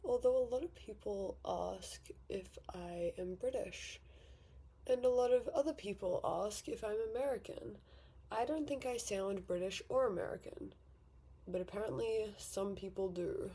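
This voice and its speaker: Sitting at the vanity in her bedroom, an Australian vlogger, eighteen and from Victoria, chats casually while applying makeup for a get-ready-with-me video. She rambles a little and pokes fun at herself, speaking at a measured pace in a medium-pitched, dark, husky voice.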